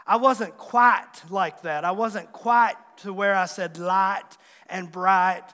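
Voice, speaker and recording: A man's voice: sits high, pushed and bright. A man in his forties, a pastor with a Southwest Virginia accent, preaching a sermon in a folksy, self-deprecating way and joking with his congregation. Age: 40s. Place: church sanctuary. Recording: long hall reverb.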